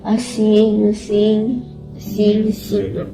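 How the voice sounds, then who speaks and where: A young woman telling of a vision as a personal testimony, halting and repeating words as she describes it. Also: medium pitch, completely flat delivery, creaky, over music.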